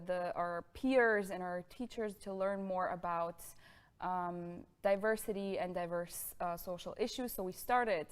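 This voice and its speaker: A young woman in her twenties from Bulgaria presenting a lecture, friendly, with many fillers and quick bursts. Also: medium pitch, clear, resonant tone. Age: 20s. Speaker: guest lecturer. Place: studio room with pink sofa.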